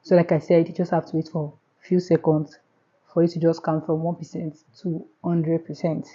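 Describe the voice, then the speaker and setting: Nigerian-accented woman, chatty tutorial host, slightly low voice, dull lo-fi sound. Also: level tone, normal speed, dark tone, slightly rough. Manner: chatty, repeats herself, step-by-step. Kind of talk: casual screen tutorial.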